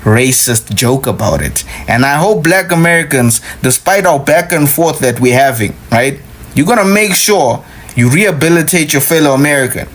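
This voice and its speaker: A man's voice: on the high side, animated, normal speed. Guy commenting earnestly, kinda pleading.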